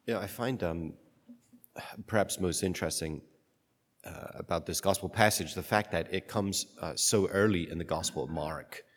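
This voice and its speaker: Deep-voiced priest with long church echo. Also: male voice. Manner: halting, searching delivery full of restarts. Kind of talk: gospel reading and homily. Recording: reverberant church hall.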